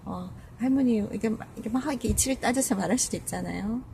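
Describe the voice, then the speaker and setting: A woman's voice: on the high side, fast, creaky, dark tone, a little hiss or hum. A woman caregiver telling a personal story in casual talk, hesitant with many fillers and restarts, acting out what others said.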